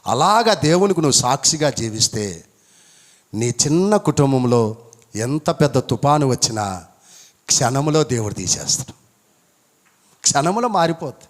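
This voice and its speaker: A male pastor preaching a sermon, driving points home with rhetorical questions and high emphatic peaks. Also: big pitch swings, moderate pace, long pauses. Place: church hall. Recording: long church hall reverb.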